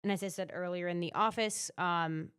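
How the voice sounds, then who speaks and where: A woman's voice: on the low side, steady tone, moderate pace, fairly bright tone, smooth. A woman in her twenties sharing farm news in a chatty, casual way with easy fillers. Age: 20s. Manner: chatty, laughs easily, lots of fillers. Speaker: newspaper reporter co-hosting a news rundown. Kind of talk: casual news rundown chat.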